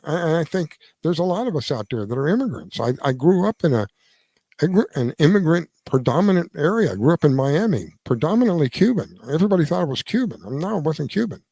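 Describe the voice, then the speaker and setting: A man's voice: a little high, husky, no echo. Older guy in his 70s ranting casually on radio, voice jumps up and down, dry close sound. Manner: earnest, halting, with many restarts; lively, swings between emphatic and quiet. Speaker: radio show host. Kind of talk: casual opinion talk.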